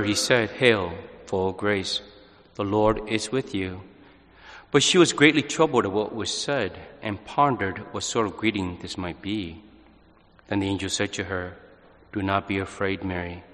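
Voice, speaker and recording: A male priest reading the gospel and preaching at Mass, speaking in earnest, halting phrases with restarts, his voice carrying a cathedral echo. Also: fairly low pitch, fairly bright tone. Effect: cathedral echo, long reverberation. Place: large church. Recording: long church reverb.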